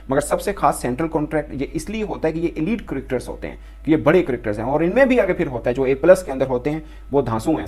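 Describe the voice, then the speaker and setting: A man's voice: medium pitch, a little mellow. A man explaining cricket contracts step by step. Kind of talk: explanatory commentary.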